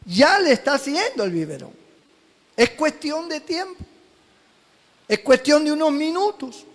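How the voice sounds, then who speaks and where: A man's voice: very high voice, sing-song, measured pace, long reverb tail. A man from Peru, a pastor preaching a sermon fervently, telling homely stories and calling out to the congregation.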